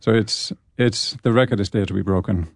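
A man, a guest chatting in a relaxed way in an interview. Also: on the low side, fairly quick, no room sound, studio quality. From Denmark. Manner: relaxed, chatty, repeats words as he goes. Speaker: guest, orchestral percussionist. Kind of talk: casual radio interview chat.

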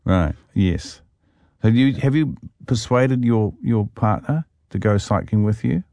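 A man hosts an interview in a fairly low voice. He asks curious, short follow-up questions in a casual way. The recording is dry and close. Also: lively intonation, a little slow, mellow, dry recording. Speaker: interviewer, host.

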